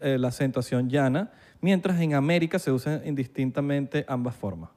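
Young male co-host, Venezuelan accent, mid-pitched, teasing know-it-all banter. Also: moderate pace, darkish tone. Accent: Venezuelan Spanish. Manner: teasing, lecturing on pronunciation. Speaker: podcast co-host. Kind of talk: casual chat.

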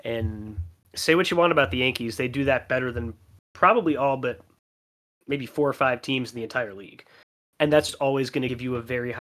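Animated man in casual sports chat. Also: mid-range voice, fairly quick. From Chicago. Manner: animated, swears casually, frequent fillers. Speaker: podcast co-host.

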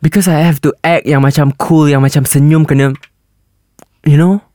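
A man's voice: a little high, brisk, no echo. A Malaysian man chatting casually as a podcast guest, in slang English freely mixed with Malay. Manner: animated, informal code-switching with Malay particles. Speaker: podcast guest, singer and actor.

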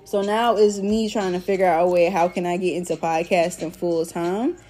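Addressing listeners as y'all, a solo podcast host rambles through casual, slangy talk in a drawl that sounds stoned. Her tone is dark, her intonation fairly even, and her speed normal.

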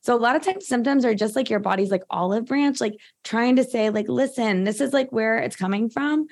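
A woman's voice: on the high side, fairly quick, a little mellow. A woman, talking as a guest practitioner in a casual interview, chatty and full of filler words. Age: 30s.

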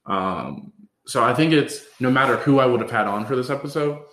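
Relaxed man hosting a chat, echoey. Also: medium pitch, fairly quick. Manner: relaxed, rambling with many fillers. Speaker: podcast host. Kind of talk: casual chat. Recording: roomy echo.

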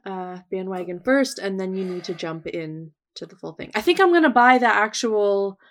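A woman's voice: mid-range voice, animated, moderate pace. A woman co-hosting a podcast in casual chat, talking in long runs with many fillers and frequent laughs. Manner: chatty, filler-heavy, laughs often. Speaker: podcast co-host.

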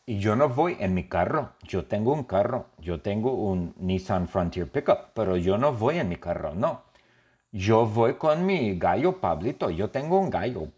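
A man speaking as an eccentric young male painter, in slow, simple, deadpan first-person sentences. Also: lowish voice, husky, full character voice. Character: odd young man who paints with tears. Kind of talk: comic storytelling.

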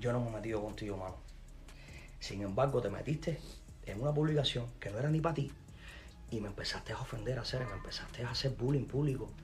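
A man's voice: mid-range voice, quick pace. Combative Cuban man ranting. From Cuba. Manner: combative, mocking, crude street slang. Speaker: musician. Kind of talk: direct-to-camera rant.

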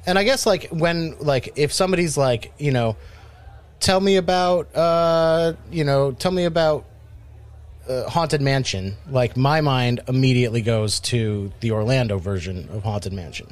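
A podcast co-host from Rhode Island talks casually at a measured pace in a mid-range voice. He rambles, full of fillers and false starts.

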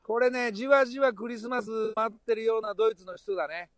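Excitable sleepy male host phoning in from an outdoor street at night, high voice, quick rambling talk. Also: no echo. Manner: loud, excitable, rambling with many fillers. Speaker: radio show host calling in live from abroad. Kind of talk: casual chat on a live phone link.

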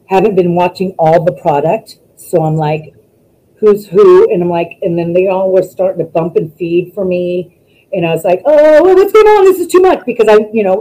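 A woman, a former wrestler, chatting as a guest over a video call, telling stories in an animated way and acting out what people said. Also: on the low side, rough recording. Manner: animated storytelling, acts out quotes. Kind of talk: casual interview chat.

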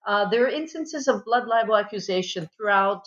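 A woman from Italy, a history professor answering podcast interview questions with many pauses and fillers. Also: mid-range voice, lively intonation, fairly bright tone, lo-fi sound. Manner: thoughtful, many ums and restarts. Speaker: history professor, guest author.

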